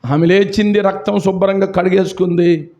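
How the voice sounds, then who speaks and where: A man's voice: steady tone, moderate pace, warm tone, highs cut off. A male pastor with a Telugu accent, preaching a sermon and calling out to his congregation. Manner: preaching with big swings in pitch, calling out to the congregation.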